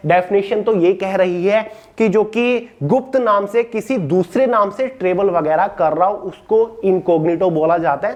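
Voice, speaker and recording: A man teaching an online vocabulary lesson in Hindi, reading English definitions slowly and calling his listeners friends. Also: high-pitched, a little mellow. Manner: addresses listeners as friends and brother. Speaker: exam-prep teacher.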